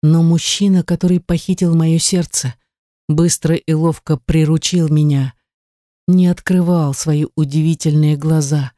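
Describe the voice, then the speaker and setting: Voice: mid-range voice, steady tone, a little slow, mellow, no echo, studio quality. An audiobook narrator reading a first-person story with dramatic, emotive delivery. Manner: dramatic, emotive, rises to cries in quoted lines.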